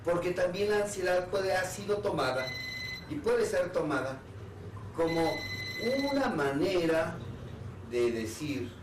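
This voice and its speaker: A man, a therapist, giving an earnest public talk on anxiety and asking the audience one rhetorical question after another, with pauses between phrases. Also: high voice, noisy background. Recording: roomy hall sound from a distant mic.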